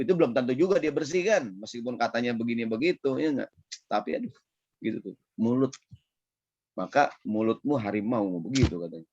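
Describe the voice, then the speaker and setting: A man's voice: medium pitch, no echo. Man, Jakarta Betawi accent, casual sermon, playful back-and-forth, dull dry lo-fi sound. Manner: lively, playful, asks the audience "ya nggak?" often. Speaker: Islamic preacher. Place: online session.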